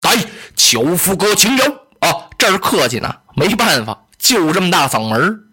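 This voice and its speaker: A man doing a booming hot-headed general. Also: sing-song, normal speed, exaggerated voice. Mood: gruff impatient. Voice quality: booming loud voice. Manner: blunt, impatient, shouting gruffly. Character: hot-tempered loud burly general, male adult. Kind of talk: Chinese oral storytelling.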